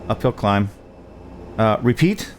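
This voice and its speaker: A man's voice: lowish voice, slow pace. A man casually thinking aloud as he plays pilot in a flight simulator. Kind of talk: casual gameplay commentary with checklist replies. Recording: steady cockpit noise behind voice. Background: engine and cabin hum.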